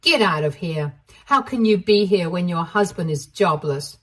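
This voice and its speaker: A woman's voice: medium pitch, slow, lightly acted. A woman voicing a scornful cheating ex-wife who pouts, whines and accuses. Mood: accusing. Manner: pouting, whiny and accusing.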